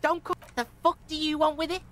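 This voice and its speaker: Actress as a swaggering foul-mouthed game street kid, high-pitched and crude. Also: female voice, little pitch movement, fairly quick, lightly acted. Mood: cocky. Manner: swaggering, crude, refers to himself by name. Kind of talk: video game voice acting.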